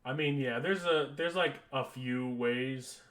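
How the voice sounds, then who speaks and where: A man's voice: mid-range voice, a little slow, fairly bright tone. A man going through a card list in casual commentary, reading rules text and reacting in an offhand, dry way. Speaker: card reviewer.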